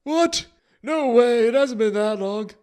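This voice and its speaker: A crazed ancient wizard rambles in a piercingly high, cracking register far above any ordinary speaking voice. He trails off mid-thought, circles back, and bristles at any slight. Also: a little slow, a little mellow, clear, resonant tone. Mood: shrill rambling. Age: older. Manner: scatterbrained, indignant, rambling with trailing restarts. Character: mad, rambling ancient human wizard man.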